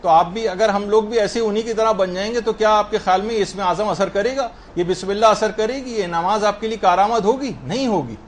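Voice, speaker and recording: A man's voice: high-pitched, few pauses, a little hiss or hum. A man teaching a religious lesson in an earnest, explanatory way, demonstrating how words should be pronounced. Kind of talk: lecture on prayer to a female audience.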